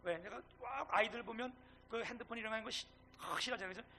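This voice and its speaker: Male pastor, middle-aged, animated sermon delivery; gravelly, very bright tone. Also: very high-pitched, quick pace. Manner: animated, swings between loud and hushed; acts out quoted dialogue.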